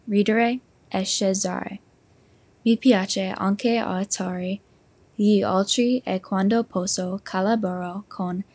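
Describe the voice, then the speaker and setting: A woman, a language learner, reading an Italian practice exercise slowly and carefully, with small slips. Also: medium pitch, darkish tone, no echo.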